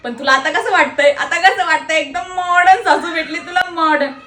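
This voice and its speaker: A woman's voice: extremely high pitch, fairly quick, echoey room. A woman playing a bossy doting mother-in-law. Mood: bold. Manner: loud, scolding, protective. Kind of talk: comic sketch acting.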